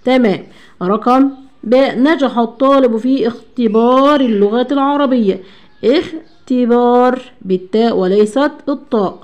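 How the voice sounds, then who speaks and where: A woman teacher with an Egyptian Arabic accent giving a children's grammar lesson, asking questions and answering them herself, slowing down to spell words out. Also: on the high side, a little mellow.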